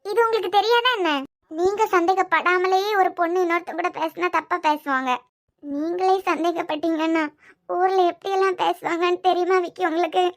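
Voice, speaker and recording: A woman's voice: very high-pitched, fairly even intonation, brisk. A woman voicing a hurt young wife in a cartoon serial, tearful and bitterly accusing her husband.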